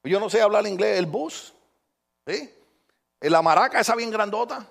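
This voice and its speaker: A man preaching a sermon in church as pastor, animated, firing questions at the congregation and acting out the voices he quotes. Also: high-pitched, normal speed, creaky.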